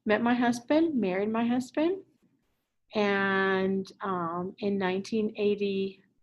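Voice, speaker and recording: A woman teacher in her fifties, originally from Puerto Rico, talks to parents in a recorded introduction from her classroom. She speaks in a chatty, friendly way, with plenty of fillers and small restarts. Her voice sits at an ordinary middle pitch, recorded on a laptop mic in the room. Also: takes it slowly, muffled recording. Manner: chatty, warm-hearted rambling with fillers. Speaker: Spanish teacher.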